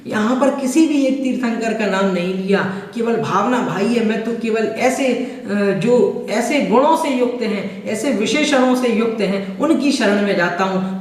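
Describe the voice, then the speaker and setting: A man teaching a scripture lesson, explaining each word slowly and with deliberate care, sometimes chanting verses. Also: sits high. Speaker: religious teacher. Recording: echoey room, mic far off.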